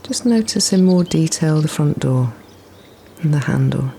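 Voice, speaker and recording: Soft, low-pitched woman guiding relaxation. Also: expressive, gravelly, slight background noise. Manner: soothing, gently instructing, unhurried pauses. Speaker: guided relaxation practitioner. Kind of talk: guided meditation narration.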